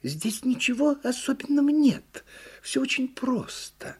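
A man reading a storybook and voicing a calm, know-it-all female turtle in a raised, firm, lecturing voice. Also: extremely high pitch, unhurried, slightly rough, voice pushed up, heavily acted. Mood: instructive.

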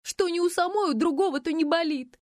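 A woman reader voicing a frightened, whiny young woman who complains and whimpers in a high, teary voice. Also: brisk, no echo, clean studio sound. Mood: whining.

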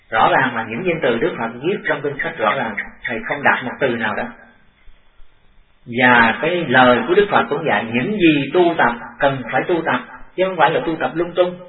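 An older man, a monk, giving a dharma talk to a class in a halting, deliberate way that repeats phrases. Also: medium pitch, a little hiss or hum. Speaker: monk teacher. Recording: distant, echoey, tinny lo-fi tape.

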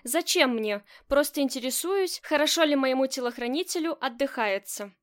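A cool, commanding lady crime boss with a high, light voice, clipped and self-assured, speaking as an audiobook character voiced by the woman narrating. She never raises her voice and sounds used to being obeyed. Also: expressive, moderate pace. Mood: cold. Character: cold commanding female crime boss, middle-aged.

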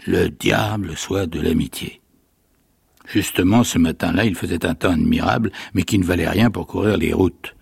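A man reading a classic story aloud in a measured, expressive way. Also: deep voice, gravelly, husky, no echo, studio quality. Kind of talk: literary reading.

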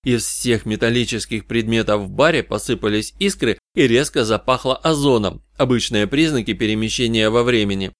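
A man narrating a first-person detective audiobook in an even, wry, measured way. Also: medium pitch, no room sound, clean studio sound. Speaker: audiobook reader.

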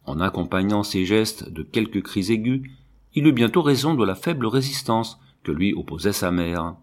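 A man reading a classic novel aloud in a measured, expressive narration. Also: fairly low pitch. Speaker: audiobook reader.

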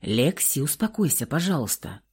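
Audiobook: a sardonic, grumbling young brother, as a woman reader puts him on, lively delivery. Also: very deep voice, normal speed, husky, pitched below the performer's own voice, full character voice. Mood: wry. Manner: wry, grumbling. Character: dry, sardonic young man, protective brother. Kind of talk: audiobook role reading.

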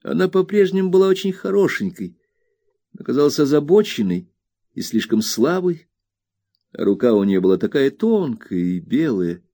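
A male audiobook narrator reading a classic novel aloud. His pitch moves a lot, lively and animated, at a mid pitch for a man. The reading is expressive and storyteller-like. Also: normal speed. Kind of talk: scripted narration.

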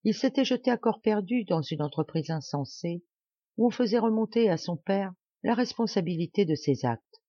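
A woman narrating a classic novel as an audiobook, with an expressive, dramatic reading style. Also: mid-range voice, moderate pace, breathy edge, dry recording, lo-fi sound. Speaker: audiobook reader.

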